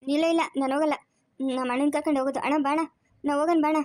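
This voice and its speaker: A woman voicing a soft-hearted grandmother begging tearfully in a family cartoon. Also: sits high, steady tone, racing, dry recording, lightly acted. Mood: pleading.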